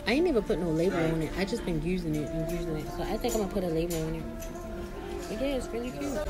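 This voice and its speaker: Young woman, loose laughing vlog chat over loud background music. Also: fairly low pitch, expressive, very fast. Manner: loose, laughing, swears freely, talks to camera. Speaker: vlogger. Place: restaurant, then car.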